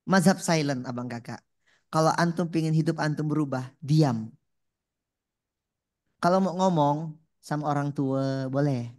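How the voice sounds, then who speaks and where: A woman preacher giving a lively religious talk, punchy and repetitive, often asking the audience questions. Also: low voice, a little slow, pauses often. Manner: punchy, repeats catchphrases, asks the audience questions.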